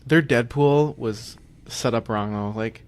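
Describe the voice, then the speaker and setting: A man co-hosting a casual podcast, recounting events in a steady, matter-of-fact voice. He sits at a mid pitch and keeps an easy conversational tone. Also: unhurried, clean tone. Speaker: podcast co-host.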